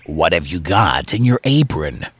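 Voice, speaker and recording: Woman doing a deep, husky, sneaky wolf. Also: big pitch swings, a little slow, heavily acted. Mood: coaxing. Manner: sweet-talking, sneaky. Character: sly, hungry male wolf, deep and scheming. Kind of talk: storybook read-aloud.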